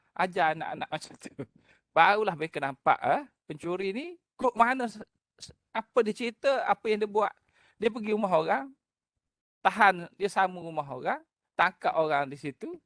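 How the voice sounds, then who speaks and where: A speaker with a Malaysian Malay accent delivers a history lecture in an animated, rhetorical style, regularly checking in with the audience through quick questions. The voice sits at an average pitch and is recorded close, with a dry sound and little room echo. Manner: animated, rhetorical, often prompting listeners with "eh?" and "ha?".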